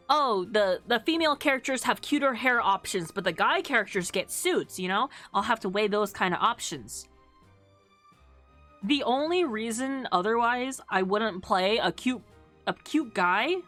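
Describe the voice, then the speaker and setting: A woman's voice: on the high side, fairly bright tone. A woman chatting casually on a livestream in a cute, playful anime-streamer manner, rambling and giggly. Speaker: VTuber streamer. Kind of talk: casual livestream chat with viewers.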